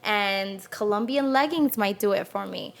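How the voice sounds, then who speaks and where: A young woman from New Jersey, a guest on a podcast, telling stories about her clothing business in a chatty, animated way with quoted asides. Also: mid-range voice, a little slow, vocal fry. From New Jersey, USA. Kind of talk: casual interview chat.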